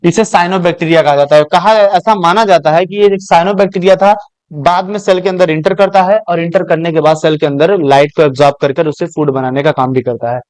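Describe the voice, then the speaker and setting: A man's voice: fairly high pitch, fairly even intonation, brisk, darkish tone, dry recording. A male coaching teacher giving a classroom biology lecture, asking questions and answering them himself as he explains to his students.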